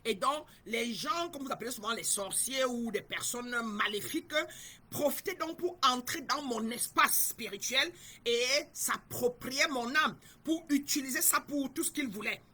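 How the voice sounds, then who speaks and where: A middle-aged woman from Cameroon, a spiritual guide, preaches in a somewhat high, husky voice. She speaks with bright, forceful emphasis. She repeats her points and keeps turning to her listeners. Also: lively intonation, moderate pace. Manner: emphatic, repetitive, addresses listeners directly. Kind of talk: spiritual teaching talk.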